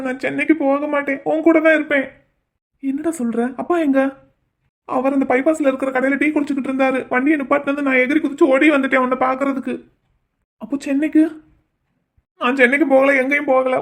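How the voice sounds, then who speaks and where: A woman's voice: high-pitched, lightly acted. A woman voicing a devoted young man in a cartoon, about to leave for college, speaking in a pleading, stubborn way.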